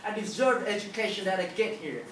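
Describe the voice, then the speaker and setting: A woman's voice: mid-range voice, quick pace. A mature woman speaking as a teacher in a motivational talk, telling stories emphatically and acting out dialogue. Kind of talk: motivational talk to a live audience. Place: large auditorium with an audience. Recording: echoey hall, distant, noisy.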